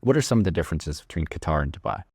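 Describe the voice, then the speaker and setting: A man's voice: deep voice, lively intonation, racing, gravelly, darkish tone, breathy edge, no echo, studio quality. Hyped slangy male podcast host. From Canada. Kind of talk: casual podcast interview.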